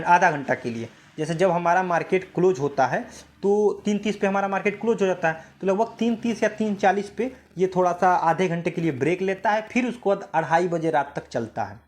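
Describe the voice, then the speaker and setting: A man teaching a screen-share tutorial, explaining step by step with frequent fillers, self-corrections and repeated reminders. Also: sits high. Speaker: stock market educator.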